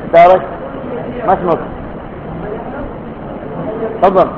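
A man's voice: sits high, little pitch movement, a little slow, noisy background. A man teaching a religious lecture to students, emphatic and fond of rhetorical questions, sometimes calling on listeners to answer. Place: lecture hall at a study course. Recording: echoey, dull lo-fi hall recording.

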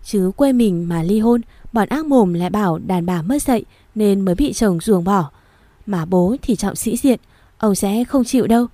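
A woman reading a story, voicing an older sister who gives calm, sensible advice. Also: mid-range voice, normal speed, no room sound, close to an everyday voice. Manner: calm, advising.

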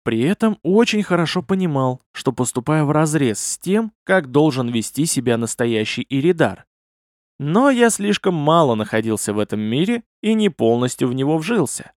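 A man narrates a fantasy audiobook with an expressive, lively reading. His voice sits fairly high and moves a lot. The recording is dry and close. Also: moderate pace, no room sound.

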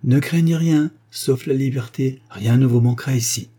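A man reading the part of a measured, good-humoured doctor in a story. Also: mid-range voice, mellow, breathy edge, pitched above the performer's own voice, natural voice. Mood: reassuring. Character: jovial learned male doctor.

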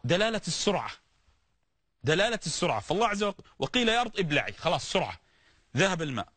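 Animated high-voiced male preacher. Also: racing, breathy edge, no echo. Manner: animated, explains word meanings with everyday examples and repeated calls to listen. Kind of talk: sermon on stories of the prophets.

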